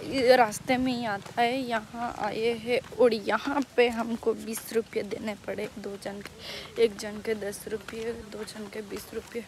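Young woman, travel vlogger, chatty, talks straight to viewers, slightly high voice, phone at arm's length, noisy outdoor audio. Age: young adult. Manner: chatty, addresses viewers directly. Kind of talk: casual travel vlog. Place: outdoors on a rainy hillside trail. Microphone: phone camera at arm's length.

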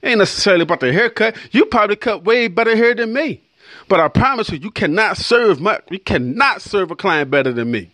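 A man's voice: high-pitched, lively intonation, brisk, pushed and bright, no room sound. A middle-aged man, a barber, giving a preachy motivational monologue full of swearing. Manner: emphatic, preachy, swears a lot. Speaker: barber and podcast host.

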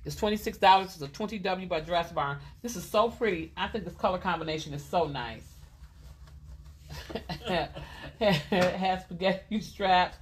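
A woman's voice: lowish voice, fairly quick, hardly any pauses, a little hiss or hum. A woman hosting a casual live clothing sale from a boutique, chatty and repeating item numbers and prices. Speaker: host selling clothes on a live stream.

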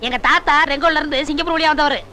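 A cheeky bumbling assistant. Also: male voice, very high voice, steady tone, very fast, pushed and bright. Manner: cheeky, talks back. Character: cheeky bumbling male assistant, drum player. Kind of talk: 1990s Tamil film comedy.

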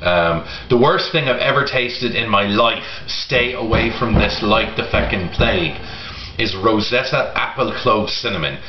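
A middle-aged man giving a casual product review to camera in a halting way, pausing often. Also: lowish voice. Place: home kitchen, indoors. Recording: roomy echo, dull sound, faint noise.

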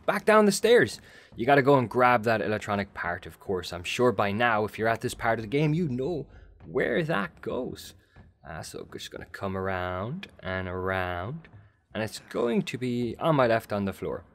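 A man hosting a casual, chatty game walkthrough, talking the viewer through each step with a jokey edge. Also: lowish voice. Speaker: gaming video host.

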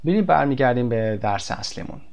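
A male teacher in a recorded lesson, with a voice of middle pitch. His explanations come in quick bursts broken by hesitant fillers. He reads his example sentences slowly and carefully. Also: lively intonation, creaky, loud music behind the voice. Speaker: English teacher.

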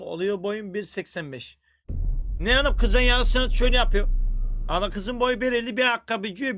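A man's voice: sits high, pushed and bright, no room sound. A man chatting casually on a game livestream, joking around and swearing constantly. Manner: crude, profane, joking banter. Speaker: game streamer.

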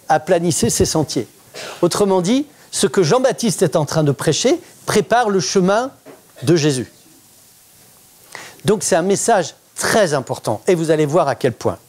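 A middle-aged pastor preaching a sermon in church, lively and conversational, often asking the congregation questions. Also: male voice, fairly high pitch. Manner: interactive, asks the congregation questions.

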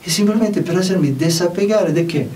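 A man from Europe gives a spiritual talk in a fairly high, mellow voice. He speaks unhurriedly and conversationally, and he keeps putting questions to the listener. He sits well back from the mic, so his voice sounds distant. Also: a little fast. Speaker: spiritual teacher.

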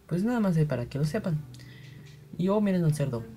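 A man's voice: on the high side, animated, brisk, dark tone, soft background music. A young man, rambling in casual gameplay commentary and voicing digging sounds aloud. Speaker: gaming channel host.

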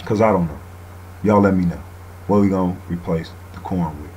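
A man's voice: sits low, a little fast, warm tone, dull audio, slight background noise. A man hosting an online radio show, reading passages aloud and then commenting loosely, often ending lines with "man.". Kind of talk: casual talk-radio commentary.

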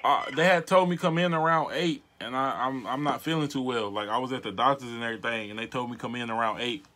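Young American man, slangy and halting. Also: mid-range voice, sharp tone. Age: 20s. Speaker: prank caller and video host. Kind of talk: casual prank vlog, speaking to phone and camera. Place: small bedroom, indoors. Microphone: device mic at arm's length.

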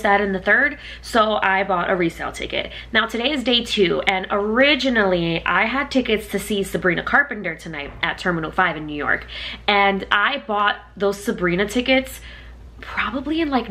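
Sleepy, chatty young woman vlogging. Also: medium pitch. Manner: chatty, rambling, excitable. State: sleepy morning voice. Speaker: concert vlogger. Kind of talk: casual vlog chat.

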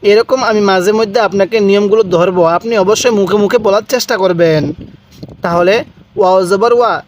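A man with a Bangladeshi Bengali accent teaching Quran pronunciation, slowly spelling out and repeating each syllable for learners. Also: high-pitched, a little hiss or hum. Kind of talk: slow step-by-step pronunciation lesson.

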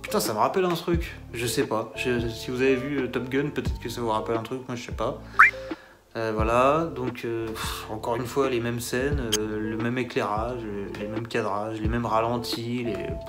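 A man's voice: medium pitch, fairly even intonation, moderate pace. Sarcastic male film reviewer, mid-range voice, loose mocking delivery, guitar track underneath. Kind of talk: casual solo film review.

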